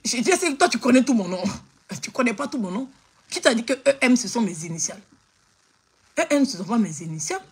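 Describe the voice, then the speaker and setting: A woman from Côte d'Ivoire with a husky, slightly raised voice, casually recounting the whole story to her followers. She circles back and repeats lines as she goes. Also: a little high, big pitch swings, a little fast. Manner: retelling events, repetitive. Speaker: social-media host.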